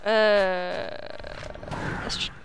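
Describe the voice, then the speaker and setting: A woman giving casual live gameplay commentary, chatty and excitable, thinking aloud as she plays. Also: medium pitch, very slow. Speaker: game streamer. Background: loud game music.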